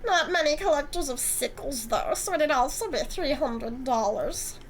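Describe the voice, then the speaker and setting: Smug, condescending male dealer in a game, drawn-out sneering lines, high and sharp; a woman voices him. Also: expressive, slight background noise, poor audio. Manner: drawling, theatrical, sneering.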